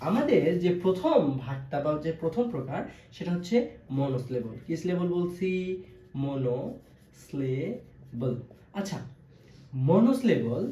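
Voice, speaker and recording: A man's voice: sits high, dark tone. A man teaching a video lesson, asking questions and answering them himself, repeating each key term. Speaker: English teacher. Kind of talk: classroom-style video lesson. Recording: echoey room, faint background noise.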